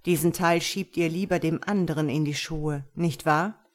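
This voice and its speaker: A woman's voice: deep voice, steady tone, normal speed. A woman voicing a mocking male stone angel who lectures with sardonic rhetorical questions, in an audiobook reading.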